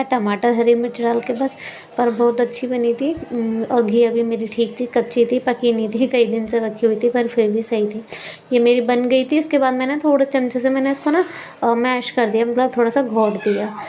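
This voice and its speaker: A young mother chatting through a home vlog voice-over in a rambling, self-correcting way. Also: slight background noise. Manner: scolding loudly at high pitch in the clip. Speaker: vlogger and mother.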